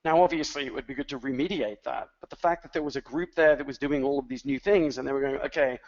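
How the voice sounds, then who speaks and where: A man's voice: mid-range voice, quick pace, a little mellow. Man talking in a rambling, hesitant way, muffled audio. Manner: rambling, many fillers and restarts. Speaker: industry analyst. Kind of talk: webinar talk.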